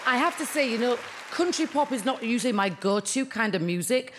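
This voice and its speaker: A woman's voice: on the high side, animated, a little fast, some chatter behind. A woman judging a talent show, giving bubbly, emphatic praise from a judges' desk in a large studio arena. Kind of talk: giving spoken feedback. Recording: noisy studio audience behind.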